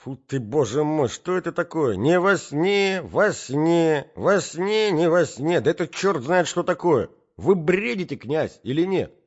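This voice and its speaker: A man's voice: on the high side, lively intonation, a little slow, few pauses, pitched above the performer's own voice. A man voicing an imperious middle-aged matron who presses her demands with indignation, in a dull lo-fi recording. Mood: indignant.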